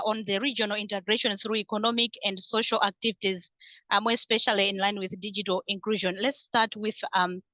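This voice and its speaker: Woman panel moderator, bright, dry muffled call audio, polite, halting. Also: medium pitch, dry recording. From Malawi. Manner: polite, many fillers.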